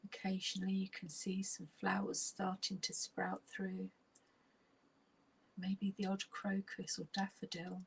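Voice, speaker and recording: A woman leads a guided relaxation meditation in a soft, breathy, husky near-whisper, soothing and slow with long pauses. Her pitch is medium and her delivery completely flat. The low-quality recording carries a little hiss or hum.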